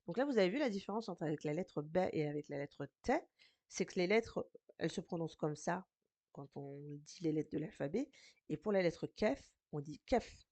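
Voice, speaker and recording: A patient woman teacher walks learners through an Arabic reading lesson in French, slowly sounding out each syllable. Her voice sits a little low, mellow and soft-edged, in a dry, close-sounding room with no echo. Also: animated. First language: French speaker teaching Arabic. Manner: patient, slow, spells out syllables. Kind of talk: recorded lesson explanation.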